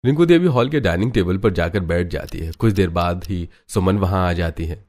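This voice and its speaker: A man narrating a cartoon story in an even, scripted storytelling manner. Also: deep voice, moderate pace.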